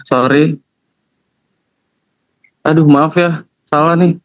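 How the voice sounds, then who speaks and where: A man's voice: on the high side, fairly even intonation, slow, dry recording. A young man in a role-played student meeting whose voice keeps breaking up over a bad video call connection, flustered and checking whether he can be heard. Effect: bad connection, voice cutting out on a video call. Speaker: student organization member in a meeting. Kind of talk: scripted role-play of an online meeting. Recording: dull, dry lo-fi video call audio.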